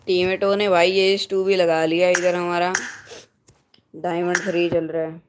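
A man's voice: sits high, level tone, normal speed. A man live-streaming a mobile shooter game, chatting casually and keeping on at his viewers to press like. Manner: chatty, keeps urging viewers to hit like. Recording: noisy game audio behind. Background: gunfire and game sounds.

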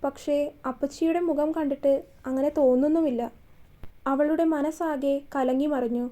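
A woman storyteller reading a scripted romance in a steady, even manner. Her voice is high-pitched but mellow and warm, never sharp. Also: moderate pace.

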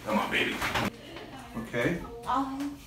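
A woman's voice: high-pitched, big pitch swings, a little slow, reverberant, distant mic, noisy background. A woman in her twenties with gauze in her mouth, groggy and stubborn after a wisdom tooth removal in a dental office. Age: 20s. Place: dental office recovery room.

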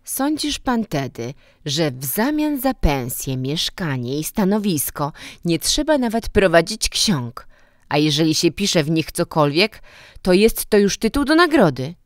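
A woman's voice: lowish voice, big pitch swings, unhurried, no room sound, studio quality. A woman reading a story voices a stern, mocking middle-aged man, a school director who scolds and lectures. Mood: scornful.

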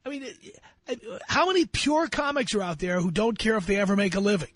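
A man hosts a call-in radio show and hands out blunt career advice in an emphatic, lecturing way. His voice sits high for a man and has a husky edge. The sound is close and dry, with no room around it. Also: animated, quick pace, a bit bright, no room sound. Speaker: radio talk show host.

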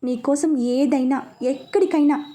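A woman's voice: high-pitched, measured pace, mellow. A woman voicing a devoted, teasing young woman in love, who speaks in a playful, affectionate way. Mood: tender.

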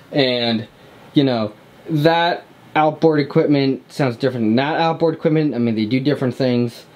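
Here a twenty-something man with a fairly high but darkish voice talks loosely to his handheld vlog camera, kept close to his face. His chat about his home music studio wanders and is thick with fillers like "like" and "um." The scene shifts from an apartment parking lot outside to a small home studio.

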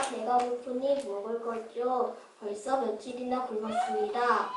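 A meek, devout starving beggar man, played by a woman in a puppet play for children. The delivery is high, pleading and declamatory, picked up from a little distance in an echoey room. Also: darkish tone, natural voice. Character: humble, sickly, pious starving beggar man. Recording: roomy, distant miking with background hiss.

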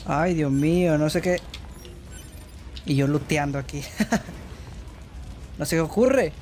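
A gamer giving casual let's play commentary, excitable and swearing often, with sudden short outbursts. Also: mid-range voice, slow pace, faint music behind. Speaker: gameplay commentator.

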